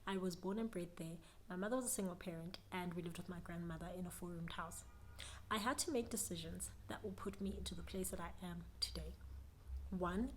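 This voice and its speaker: A woman's voice: on the low side, slight background noise. A young South African woman with a South African accent, giving an earnest, reflective motivational talk to camera about business. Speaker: business vlogger.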